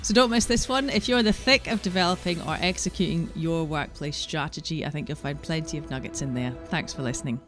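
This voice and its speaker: A woman's voice: low-pitched, fairly quick, hardly any pauses, faint music behind. A woman from Shetland with a Shetland Scottish accent, hosting a podcast with introductions and interview questions. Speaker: podcast host.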